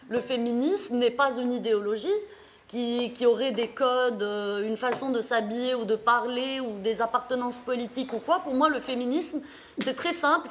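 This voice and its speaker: A woman from Morocco speaks at a small public debate in a rather high voice. She is earnest and halting, filling her pauses and restarting her sentences as she thinks. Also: a little hiss or hum. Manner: earnest, hesitant, many fillers and restarts. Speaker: panel speaker.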